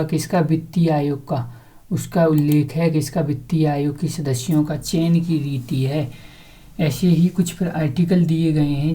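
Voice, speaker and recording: A woman's voice: deep voice, warm tone. A woman teaching an exam-prep lecture, asking questions and repeating the answers to drill them.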